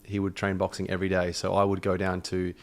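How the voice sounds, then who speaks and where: An Australian man in his thirties, a podcast guest chatting casually, relaxed and jokey. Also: low voice, quick pace. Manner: relaxed, jokey, laughs often.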